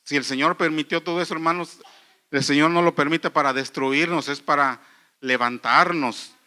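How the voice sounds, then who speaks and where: Earnest bright-voiced man preaching a sermon. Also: on the high side, fairly even intonation. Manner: earnest, keeps addressing listeners as brothers, halting restarts. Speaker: pastor. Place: church.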